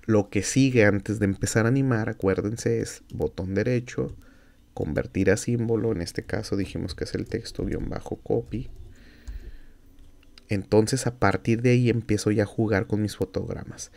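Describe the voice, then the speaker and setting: A low-voiced Mexican man with a gravelly edge, recording a screen tutorial at his computer. He explains each click step by step, stopping for fillers and small corrections. The delivery is that of a patient classroom teacher. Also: moderate pace, darkish tone. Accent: Mexican Spanish. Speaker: university instructor.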